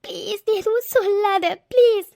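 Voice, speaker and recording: A woman voicing a gentle, self-blaming young woman in a cartoon, crying and pleading in a very high, soft voice. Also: lively intonation, a little fast, dry recording, studio quality. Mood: tearful. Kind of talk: cartoon voice acting.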